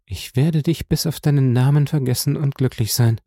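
A man's voice: medium pitch, moderate pace, warm tone, no echo, clean studio sound, pitched above the performer's own voice, close to an everyday voice. A man reading aloud voices a devoted young woman who speaks in a tender, pleading, tearful way. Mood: imploring.

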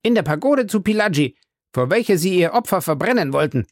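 A man voicing an impatient, excitable young male servant in a storybook reading, blurting out his lines in a raised voice. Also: mid-range voice, a little fast, no echo, studio quality, close to an everyday voice. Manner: blurting, agitated outbursts. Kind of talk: audiobook character voice.

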